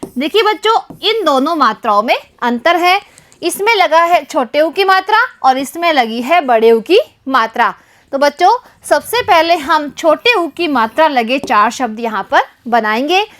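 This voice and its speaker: A woman explains a Hindi lesson to young pupils with a high, bright voice. She talks slowly and patiently and often turns to the children directly. She stresses her sounds carefully, the way a primary teacher does. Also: lively intonation. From Rajasthan, India. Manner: addresses pupils repeatedly, stresses syllables slowly and deliberately.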